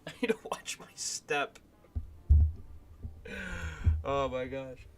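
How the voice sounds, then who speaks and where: A man streamer giving goofy, rambling gaming commentary with bursts of shouting, with game music faint behind. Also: medium pitch, flat delivery, takes it slowly.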